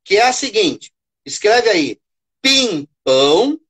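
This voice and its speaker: A woman's voice: medium pitch, big pitch swings, a little slow, slightly rough. A woman from Brazil leading a live teaching session for teachers, patient, checking in often and counting syllables aloud. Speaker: teacher presenting a workshop for teachers.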